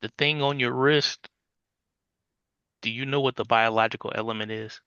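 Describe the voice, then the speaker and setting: A man's voice: mid-range voice, fairly even intonation, normal speed, sharp tone, smooth, dry recording. A man playing a tabletop game, asking detailed questions. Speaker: tabletop player. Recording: dry, dull-sounding.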